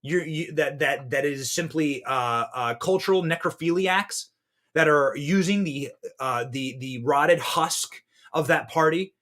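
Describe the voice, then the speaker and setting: A man in his thirties hosting a political podcast, giving fiery commentary that swings between loud outbursts and hushed asides. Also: a little high, measured pace. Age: 30s.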